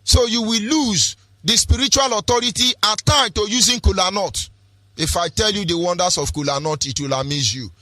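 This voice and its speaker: A man's voice: high-pitched, moderate pace, bright, forceful tone, no room sound, faint music behind. A man with a Nigerian accent, hosting a radio show and preaching in an impassioned, sing-song, rhetorical way. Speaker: radio host.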